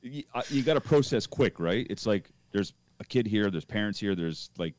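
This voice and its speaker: A man's voice: lowish voice, expressive, moderate pace, a little mellow, no room sound. A middle-aged man hosting a podcast, telling a rambling anecdote in a casual way with many restarts. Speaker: podcast host.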